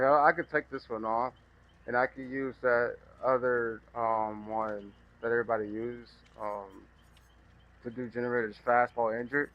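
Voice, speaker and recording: A male gamer talks through his match in a loose, rambling way, often laughing at his own remarks. His voice sits at an ordinary middle pitch. The recording is muffled and lo-fi. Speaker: gaming streamer. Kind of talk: casual gameplay commentary.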